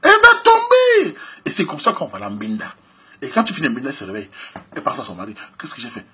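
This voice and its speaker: Husky, lively Cameroonian French man. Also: rapid-fire. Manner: lively, slangy, laughs often, swings from shouting to low asides. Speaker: host. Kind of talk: animated advice commentary on a listener's letter.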